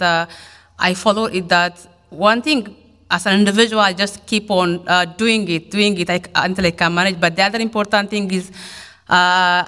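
A woman's voice: mid-range voice, a bit bright. A woman panelist answering an audience question, earnest and hesitant, with many fillers. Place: event hall. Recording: reverberant hall.

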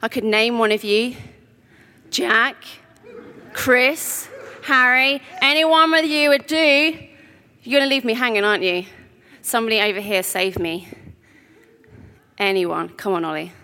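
A woman in a church hall gives a sermon on the PA, and a big hall echo trails every phrase. Her pitch sits a little on the high side. She projects her voice to fill the room. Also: unhurried, long pauses, a little hiss or hum. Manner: projects her voice, warm storytelling. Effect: big hall echo on her mic. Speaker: preacher. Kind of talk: sermon with a handheld prop. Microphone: wearing a mic on the PA. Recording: echoey hall reverb.

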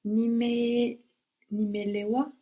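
Female student, hesitant, slow delivery, airy voice. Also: fairly high pitch, level tone, warm tone. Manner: slow and tentative, sounding out words. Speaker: language student. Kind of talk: answering in a language lesson.

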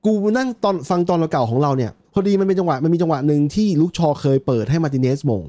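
Quick-talking guy cohosting a footy podcast, mellow dark voice, laughs a lot. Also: fairly high pitch, animated. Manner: rapid, laughing, swears casually. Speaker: podcast co-host. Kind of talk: casual football chat.

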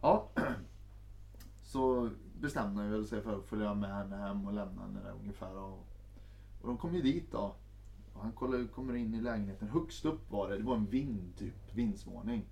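A man's voice: on the low side, gravelly. A man telling a story in a casual chat and acting out the people in it. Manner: animated, acts out every character.

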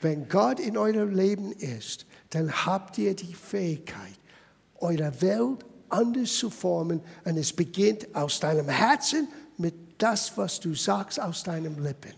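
A man's voice: high voice, expressive, measured pace, creaky, breathy edge, long reverb tail. A man preaching a sermon as pastor, emphatic and addressing the listeners directly.

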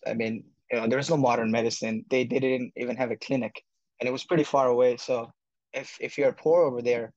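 A man's voice: medium pitch, dry recording. Hesitant man, dull dry recording. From Bangladesh. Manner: hesitant, many fillers and restarts. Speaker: medical student. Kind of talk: interview answer.

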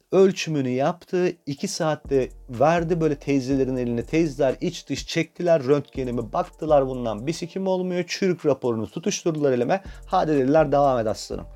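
A man's voice: mid-range voice, mellow. A young man hosting a podcast, telling a comic personal story in a crude, self-mocking way and swearing freely. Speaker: podcast host.

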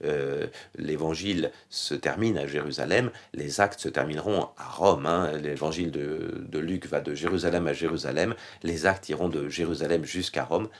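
A man giving a Bible study lesson, talking loosely with many pauses, fillers and restarts. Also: extremely low pitch. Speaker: Bible teacher.

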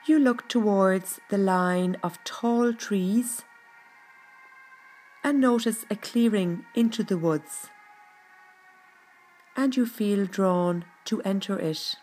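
Slow, soothing woman guiding meditation over music. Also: medium pitch. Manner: soothing, gentle, unhurried. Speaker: guided meditation narrator. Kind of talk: scripted guided meditation narration. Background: background music.

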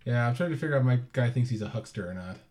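A man's voice: mid-range voice, lively intonation, rapid-fire, a little mellow. A man taking part as a player at a tabletop game table, with dry, joking asides. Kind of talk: casual game table chat.

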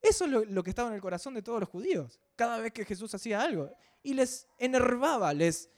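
Male preacher, Rioplatense accent, fairly high voice, chatty sermon delivery. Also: darkish tone. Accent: Rioplatense Spanish. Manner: conversational, acts out quoted voices.

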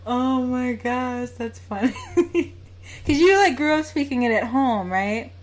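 A woman's voice: sits high, lively intonation, unhurried, background noise. A woman with a standard American accent chatting casually and informally as she interviews someone, with an easy laugh in her talk. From United States. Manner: informal, chatty, laughs easily while talking. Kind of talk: casual chat.

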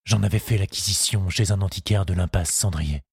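A man voicing a calm, suave aristocratic baron in a read-aloud story. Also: deep voice, brisk, slightly rough, no echo, clean studio sound, full character voice. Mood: composed.

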